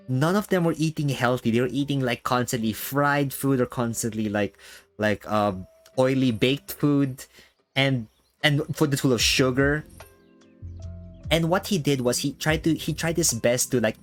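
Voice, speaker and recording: Male talk-stream host, conversational, stop-start phrasing with repeated words, backed by music. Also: mid-range voice. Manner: halting, repeats words while thinking. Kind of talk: casual chat. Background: background music.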